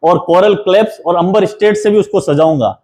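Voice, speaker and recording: A male assistant professor, giving a lecture on a poem. He reads the lines slowly, explains each one, and repeats key terms as he counts them out. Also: high-pitched, darkish tone. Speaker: assistant professor teaching English literature.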